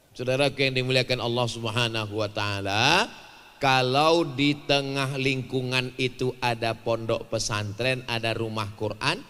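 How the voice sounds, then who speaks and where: A man preaching to a crowd, animated, swinging between loud bursts and quiet asides, acting out little dialogues. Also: mid-range voice, clean tone. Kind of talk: lively sermon with jokes. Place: large hall at a religious gathering. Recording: hall reverb from a large venue.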